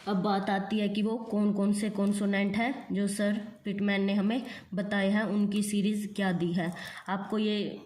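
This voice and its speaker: Slow, even-toned Indian woman teacher. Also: mid-range voice. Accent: Indian English. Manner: slow, patient, spells out letters one by one. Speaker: shorthand teacher. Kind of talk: classroom lesson.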